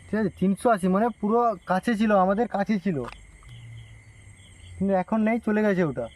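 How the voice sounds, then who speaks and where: Night exploration vlogger: excitable man, high voice, quick and repetitive, outdoors with crickets. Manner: excitable, repeats phrases. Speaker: ghost hunting vlogger. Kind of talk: night exploration vlog, casual commentary to companions and viewers. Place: outdoors at night in a rural wooded area. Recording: outdoor night recording with faint noise. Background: crickets and insects.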